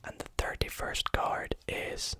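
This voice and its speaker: A magician giving a whispered ASMR tutorial, gently explaining things step by step. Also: a little slow. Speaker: magician teaching a card trick.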